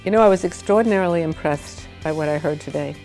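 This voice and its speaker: A woman hosting a TV interview show, asking questions in a warm and encouraging way. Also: low voice, quick pace, soft background music. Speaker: TV show host. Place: studio.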